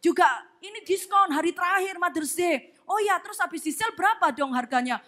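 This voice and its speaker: Woman pastor, from Indonesia, playful sermon, acts out couples' dialogues, very high voice, bright tone. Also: a little fast. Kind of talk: humorous sermon. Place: church sanctuary with congregation.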